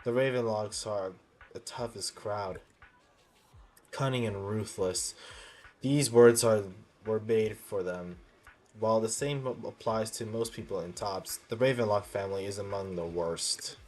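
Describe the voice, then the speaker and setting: A man's voice: lowish voice, darkish tone. A man reading a video game's story dialogue aloud, stumbling now and then and correcting himself. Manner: halting reading with misreadings corrected. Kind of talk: reading game story text aloud with reactions.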